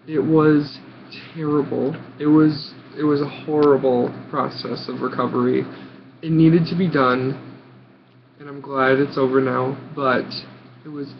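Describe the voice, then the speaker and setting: A young American man of about nineteen telling a personal story casually, in short halting phrases with dramatic emphasis. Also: mid-range voice, level tone. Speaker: vlogger. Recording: muffled audio with clear background noise.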